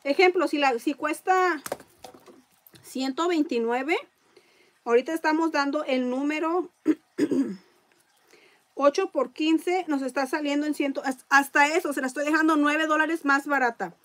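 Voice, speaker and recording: A woman hosting a casual live-stream raffle, chatting along and reading viewer comments out loud. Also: high-pitched, unhurried, long pauses.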